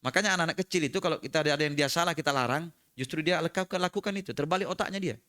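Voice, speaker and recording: A man preaching a sermon in a prayer room, moving from slow chanted recitation to lively joking explanation. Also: a little high.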